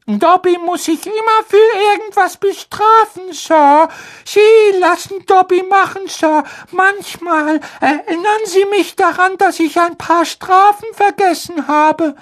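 A man voicing a servile, tearful male house-elf with a piercing, squeaky voice in a storybook reading. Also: slow pace, fairly bright tone, full character voice. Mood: fearful. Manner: shrill, squeaking, sobbing, calls everyone sir.

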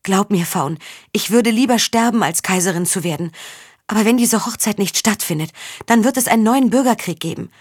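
A woman's voice: mid-range voice, fairly quick, husky, dry recording, studio quality, voice pushed up, lightly acted. A woman voicing a burdened young princess in an audiobook, speaking urgently and resolutely.

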